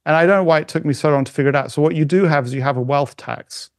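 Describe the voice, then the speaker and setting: A middle-aged man, not a native German speaker, chats casually as a podcast guest in a voice that sits a bit high. He speaks haltingly, circling back with restarts and fillers. The sound is dry and close, with no echo.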